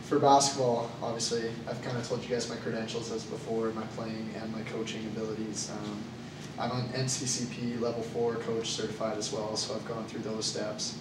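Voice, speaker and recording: A young male student from Canada, speaking in a fairly low, monotone voice, plays a nervous candidate in a classroom mock interview. He halts and hesitates with frequent uhs and ums, heard from a distance in an echoey, noisy room.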